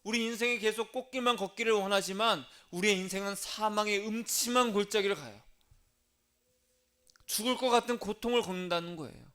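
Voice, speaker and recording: Man, high voice, pastor preaching a sermon, call-and-response, soft whispered asides.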